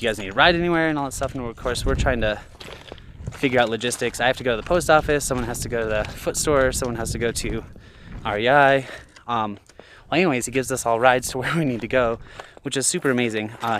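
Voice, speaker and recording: A man records himself while walking a trail in the evening, talking loosely with plenty of fillers and small laughs. His voice sits at an ordinary middle pitch. A faint hiss of outdoor noise runs under the camera mic. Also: a bit bright. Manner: rambling, chuckles often, many fillers. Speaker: thru-hiker vlogger. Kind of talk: casual vlog narration while hiking.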